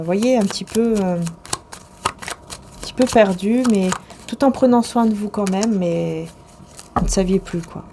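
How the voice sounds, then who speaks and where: A woman's voice: lowish voice, mellow, a little hiss or hum. A woman reading tarot cards to the viewer in a casual, rambling way, with many hesitations and restarts. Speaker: tarot and oracle card reader.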